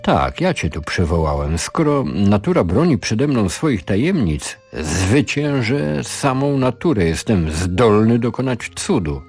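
A man's voice: on the low side, sing-song, unhurried, hardly any pauses, a little mellow, husky, soft background music, voice pushed up, heavily acted. A man voicing a proud, gloomy medieval French alchemist who speaks in a declaiming, theatrical way.

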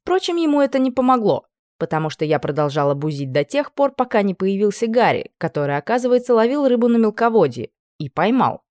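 A woman narrating a first-person novel in a lively, ironic manner. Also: mid-range voice, brisk, dry recording, studio quality. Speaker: audiobook narrator.

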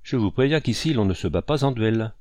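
A man reading an audiobook and voicing a composed, gently ironic young lady of the house. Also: on the low side, expressive, fairly quick, no echo, clean studio sound, lightly acted. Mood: poised.

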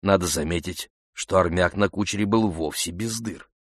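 A man narrating a classic novel in a measured, even manner. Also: low-pitched, no echo, studio quality. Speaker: audiobook narrator.

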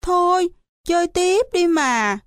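A woman reading an audiobook, voicing a timid little girl who pleads in a high, whiny voice. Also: unhurried, no room sound, clean studio sound. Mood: pleading.

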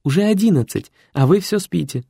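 A man's voice: high-pitched, lively intonation, fairly quick, gravelly, mellow, breathy edge, no echo, studio quality, pitched above the performer's own voice, full character voice. A man voicing a fussy, deferential male secretary. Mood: concerned. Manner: formal, courteous, slightly know-it-all.

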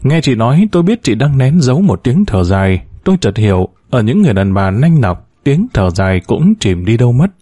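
A man narrating a story aloud in a steady, even storytelling manner. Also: medium pitch, brisk, hardly any pauses, dry recording, clean studio sound. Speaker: audiobook narrator.

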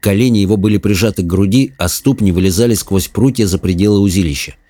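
A man reading an audiobook in an even, measured manner. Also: fairly low pitch, no echo. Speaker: narrator. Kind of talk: audiobook narration.

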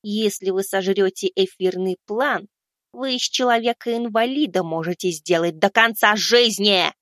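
A shrill, crazed young summoner, taunting and jeering at his foes. The voice sits far above the reader's own, bright and strained, with an odd, unnatural timbre. Dry, close audiobook sound. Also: lively intonation, a little slow, no room sound, exaggerated voice. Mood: outraged. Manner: shrill, mocking, taunting cackle. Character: young male summoner turned gleeful, menacing avenger. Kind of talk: audiobook character voice.

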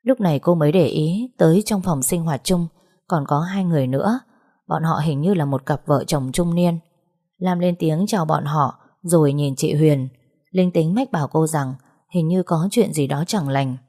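A woman narrates a novel as an audiobook in a low, dark, mellow voice. Her reading is even and steady, in a storytelling manner. She keeps a calm, scripted pace. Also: moderate pace.

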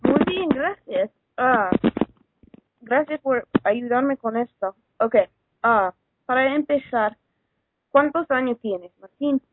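A woman's voice: high voice, animated, breathy edge. Friendly woman interviewing over phone. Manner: friendly, halting questions. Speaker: student interviewer. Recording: tinny phone line with faint noise.

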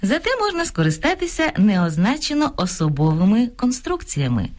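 A woman presenting a language program on radio, reading a script clearly and instructively, listing correct and incorrect phrases. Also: medium pitch, big pitch swings, moderate pace. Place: radio studio.

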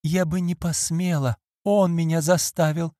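A man's voice: on the high side, level tone, measured pace, warm tone, no echo, clean studio sound, voice pushed up, natural voice. A man doing a whimpering, timid former maid. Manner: whimpering, pleading. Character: whining, timid former maid, a worried innkeeper's wife.

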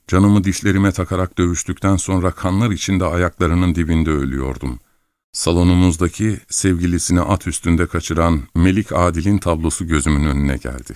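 A male audiobook narrator with a deep, low voice, reading in a calm and wistful way. He is from Turkey. The sound is close and dry. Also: no echo.

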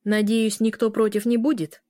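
A woman voicing a tired, blunt middle-aged lecturer handing out tasks briskly. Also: on the high side, level tone, dark tone, dry recording, clean studio sound, voice pushed up, natural voice.

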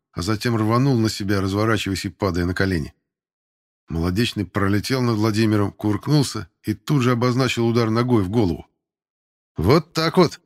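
A man reading a first-person novel aloud in a wry, conversational narrating manner. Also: lowish voice. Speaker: audiobook reader.

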